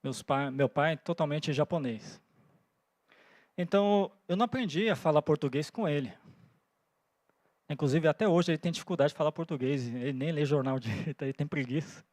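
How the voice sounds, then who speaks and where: A pastor in his forties, originally from Japan, gives an earnest church sermon at normal speed, his fairly high voice carrying a darkish tone. He reasons out loud and checks in with the congregation. The sound is close and dry.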